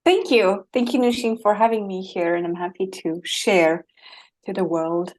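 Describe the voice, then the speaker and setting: A woman's voice: mid-range voice, moderate pace, darkish tone. A woman with a French accent, a guest life coach, speaking earnestly and with animation and laughing easily. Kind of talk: interview conversation.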